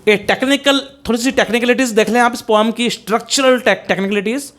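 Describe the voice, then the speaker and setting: An Indian man lecturing on a poem for a competitive exam, switching between Hindi and English. His voice sits noticeably high for a man, and he drills his students by counting lines and repeating the likely questions. The delivery is a teacher's steady classroom explanation. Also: fast talker. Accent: Hindi-speaking Indian.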